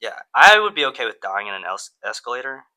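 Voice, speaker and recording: A man's voice: on the low side, very animated, fast, bright, forceful tone. A man co-hosting a podcast, chatting casually in a playful, rambling, jokey way. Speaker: podcast co-host. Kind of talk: casual comedic chat.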